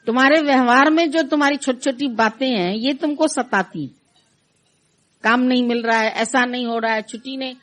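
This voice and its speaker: Middle-aged woman spiritual teacher, high voice, chatty satsang delivery, mimics listeners' complaints. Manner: conversational, acts out listeners' complaints in quoted voices. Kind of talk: devotional satsang talk.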